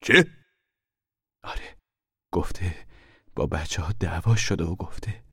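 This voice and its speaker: A man voicing a weary, worried mother who speaks softly and often whispers, in an audiobook reading. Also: low-pitched, lively intonation, husky, no room sound, studio quality, exaggerated voice. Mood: worried hush. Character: tired worried mother, gentle and firm. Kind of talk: audiobook character voice.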